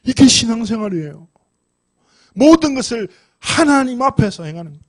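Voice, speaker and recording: A middle-aged man from Korea preaching a lively youth sermon, moving from hushed asides to loud exhortation. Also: very high voice, normal speed. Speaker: youth pastor.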